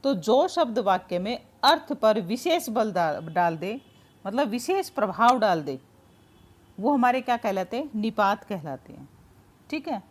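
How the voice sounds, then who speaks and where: A woman's voice: mid-range voice, big pitch swings, a little slow. A woman teaching a grammar lesson in a patient, informal way, explaining with many everyday examples and checking in often.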